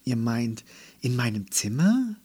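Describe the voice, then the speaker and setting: A man's voice: mid-range voice, big pitch swings, slow pace, mellow, slightly rough, dry recording, heavily acted. A man voicing a curious little girl. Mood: unsure. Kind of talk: storybook reading.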